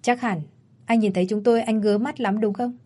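A woman's voice: a little high, steady tone, a little fast, warm tone, natural voice. A woman voicing a blunt, defiant pregnant young country wife in an audio story.

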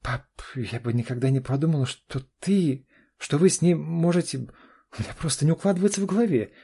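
An anxious, insistent young daughter, voiced by a man reading an audiobook. He lifts his dark, husky voice well above its usual pitch and keeps her pleading and pushy. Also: a little fast. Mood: worried. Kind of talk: audiobook character voice.

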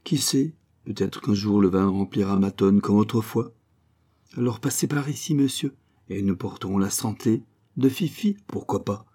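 A man's voice: on the low side, moderate pace, warm tone, slightly rough. A man voicing a hearty, kindly old-fashioned farmer. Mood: warm, jovial. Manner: hearty, affectionate, raised voice. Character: kindly good-humored male farmer, tender with a pet bird. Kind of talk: storybook character voice.

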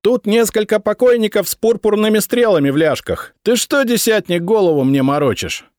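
A man doing a shouting, impatient noble officer. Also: high voice, animated, normal speed, dry recording, clean studio sound, voice pushed up. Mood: commanding, irritated. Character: angry commanding male noble officer.

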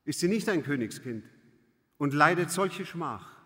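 Fervent very young maid, read by a man, animated, long reverb. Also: fairly high pitch, unhurried. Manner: fervent, pleading. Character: very young devoted serving maid, girl.

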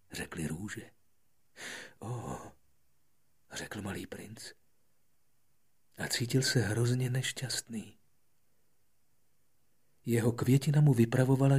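A man narrates a fairy tale audiobook in an expressive storytelling style, shifting between soft and lively passages. His voice is medium-pitched with a breathy edge.

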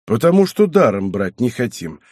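A man reading an audiobook, voicing a cunning old knight who flatters and pleads. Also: medium pitch, moderate pace, no room sound, clean studio sound. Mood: pleading. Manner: sly, fawning, pleading.

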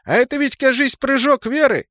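A man's voice: high-pitched, fairly quick, no room sound, clean studio sound, pitched above the performer's own voice. A man voicing a cheerful, wisecracking gunner with a teasing manner, in a fantasy audiobook. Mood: gleeful. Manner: jokey, teasing, lively.

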